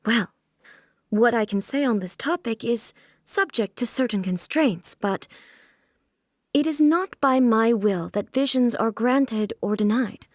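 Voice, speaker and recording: Game role: imperious immortal female shogun, formal and stately, fairly high voice, dry close recording. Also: no echo. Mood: composed, reflective. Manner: formal, stately, measured, archaic diction. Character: regal, aloof immortal female shogun commanding thunder. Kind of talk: scripted video game character voice lines.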